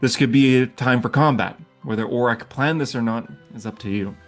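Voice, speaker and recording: A man hosting a channel, telling eerie stories and walking listeners through a tabletop role-playing setting he built, with hushed passages that build suspense. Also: medium pitch, fairly quick, soft background music. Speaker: game master and channel host. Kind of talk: narrated tabletop setting guide.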